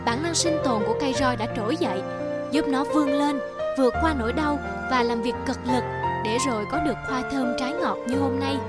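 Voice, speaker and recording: A woman plays a calm cartoon father who teaches his daughter. His voice sits fairly high, and loud children's music runs under it. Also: brisk, natural voice. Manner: calm, moralizing. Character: stern but loving father, gentle teacher. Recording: loud music bed behind voice.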